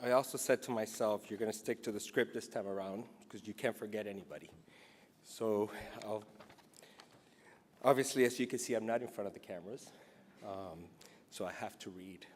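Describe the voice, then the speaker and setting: Accepting an award in a big, echoey hall at an awards event, a middle-aged man from Cuba speaks emotionally and earnestly, partly from notes. His voice is on the low side at a moderate pace, and the long reverb carries a little hiss or hum.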